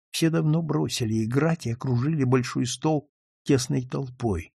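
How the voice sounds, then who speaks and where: A man's voice: medium pitch, vocal fry, a little mellow, husky, no echo. Male audiobook narrator, dramatic and dry. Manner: dramatic reading. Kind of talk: scripted narration.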